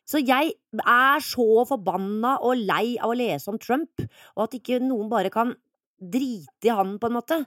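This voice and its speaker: A woman's voice: a little high, fairly bright tone, dry recording, studio quality. A middle-aged woman co-hosting a podcast in casual chat, giggly, chatty and self-mocking. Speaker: podcast co-host.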